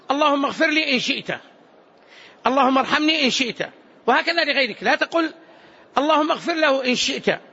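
A man teaching a hadith lesson in a large mosque, lively and acting out pleading voices. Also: extremely high pitch, vocal fry. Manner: lively, acts out pleading voices, colloquial asides. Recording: dull lo-fi mosque recording.

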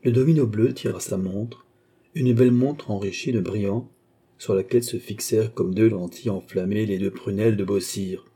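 A man narrating a classic novel as an audiobook in a measured, even way. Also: lowish voice, slightly rough. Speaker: audiobook reader.

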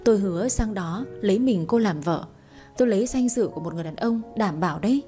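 A woman's voice: mid-range voice, lively intonation, quick pace, dark tone, faint music behind, lightly acted. A woman voicing a tearful middle-aged man in debt in a read-aloud story. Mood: pleading.

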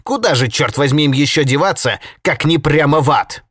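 A man voicing a furious male socialist agitator who shouts indignant tirades. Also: on the high side, expressive, normal speed, slightly rough, no room sound, clean studio sound, pitched above the performer's own voice.

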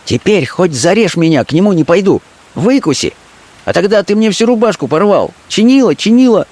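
A man voicing a defiant young street woman, pitched far above his own voice. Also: lively intonation, brisk, darkish tone, close to an everyday voice. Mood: pleading, scornful.

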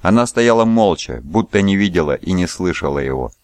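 A man reading a novel aloud as a narrator, in an even, measured way. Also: deep voice, clean tone, dry recording, clean studio sound. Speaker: audiobook narrator. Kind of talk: scripted narration.

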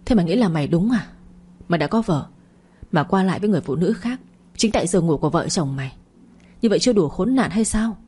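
An older village mother, enraged and harsh, lashing out at her grown son in a narrated audio story, played by a woman. The voice sits low and mellow with a husky edge. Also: expressive, fast, pauses often. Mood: furious.

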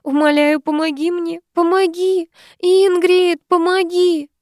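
A woman's voice: sits high, expressive, unhurried, darkish tone, dry recording, clean studio sound, pitched above the performer's own voice. A woman voicing a young woman in labor, crying out and pleading in pain. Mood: desperate.

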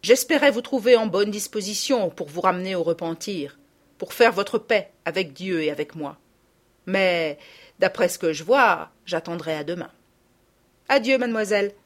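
A stern, composed lady guardian from a storybook, voiced by a woman narrator, laying down punishments in a calm, measured and severe tone. Her delivery is even on the surface but moves through a lively spread of pitch. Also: lightly acted. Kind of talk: audiobook reading.

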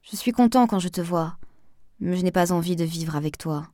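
Brief: female narrator doing a guarded divorced man, low and hushed, tired and restrained, dry sound. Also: normal speed, no room sound, lightly acted. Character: reserved divorced man avoiding commitment.

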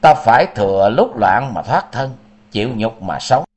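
A man's voice: on the low side, animated, moderate pace, darkish tone, natural voice. A man reading a story aloud, voicing a grieving middle-aged mother who speaks in a choked, sorrowful way. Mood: grave. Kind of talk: storybook narration.

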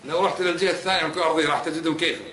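A man's voice: on the high side, fairly even intonation, racing, fairly bright tone, slight background noise. A man teaching as an Islamic scholar in a religious lecture, emphatic and repeating points, pressing the audience with rhetorical questions. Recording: echoey hall with faint ambience.

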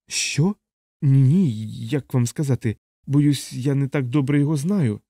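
A man voicing a shy, nervous young army chaplain who speaks in a halting, apologetic way. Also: mid-range voice, lively intonation, warm tone, no room sound, clean studio sound, natural voice. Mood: timid.

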